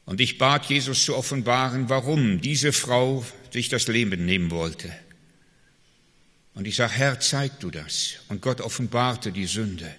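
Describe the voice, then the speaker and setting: Male preacher, emphatic sermon delivery, bright tone, reverberant hall. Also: medium pitch, unhurried, slightly rough. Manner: emphatic preaching with swings between loud calls and quiet confession.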